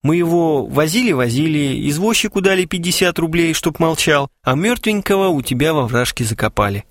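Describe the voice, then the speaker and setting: A sly, mocking young schemer from an audiobook, his speech lively and swinging with sarcasm. A male reader voices him. The sound is dry and close. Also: a little high, fairly quick, dry recording, voice pushed up. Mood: teasing. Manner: teasing, sarcastic. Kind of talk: audiobook character voice.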